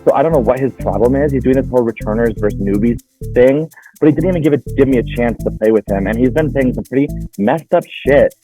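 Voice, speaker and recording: A man's voice: medium pitch, fast talker, mellow, soft background music, rough recording. A man speaking in a game confessional, frank and exasperated about his chaotic team. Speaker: contestant.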